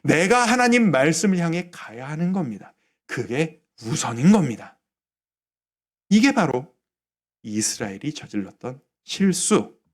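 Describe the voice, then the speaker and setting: 생동감 있게 설교하는 높은 톤의 남성 목사. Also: male voice, fairly high pitch, moderate pace. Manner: animated preaching, acting out quoted prayers and God's words. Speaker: pastor. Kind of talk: Sunday sermon.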